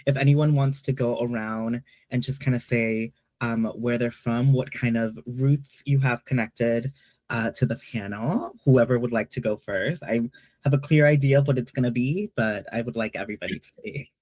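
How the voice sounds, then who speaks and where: A chatty man from Peru hosts a casual online panel. He jokes around and hedges with frequent "um"s, speaking at a middle pitch. The sound is dry and close. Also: fairly even intonation, moderate pace, darkish tone, dry recording. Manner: playful, chatty, hesitant fillers. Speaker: panel moderator.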